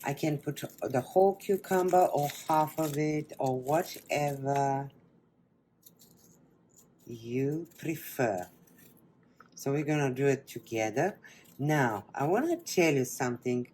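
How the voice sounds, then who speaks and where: A woman from Bulgaria with a Bulgarian accent, a wellness teacher leading a guided breathing meditation and then a cooking demo, speaking softly and often trailing into whispers. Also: a bass voice, expressive, slight background noise. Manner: slow, soft-spoken, drifting into whispers.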